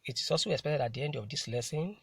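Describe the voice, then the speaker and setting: A man teaching an English pronunciation lesson, speaking deliberately, repeating key terms and asking rhetorical questions. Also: medium pitch, gravelly, fairly bright tone, slightly rough, dry recording. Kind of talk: classroom lecture.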